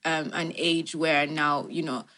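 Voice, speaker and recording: A young woman from Uganda speaks as an interview guest, with a voice a little lower than most women's. She talks in a reflective way, circling back with fillers and restarts as she thinks. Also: fairly even intonation, measured pace, sharp tone. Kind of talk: thoughtful interview answers.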